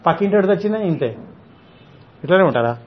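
High-voiced man scolding an audience. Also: expressive, fast talker, husky. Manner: scolding, rhetorical questions, mixes in English words. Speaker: spiritual teacher. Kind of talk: spiritual discourse to an audience. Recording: dull lo-fi recording.

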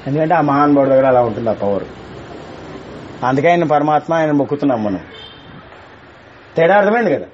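A high-voiced man gives a quick, colloquial spiritual talk to his students, teasing them as he goes. The recording sounds a little dull, with faint room ambience behind him. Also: expressive, slight background noise. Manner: colloquial, teasing, mixes English words. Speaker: spiritual teacher. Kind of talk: spiritual discourse to a class.

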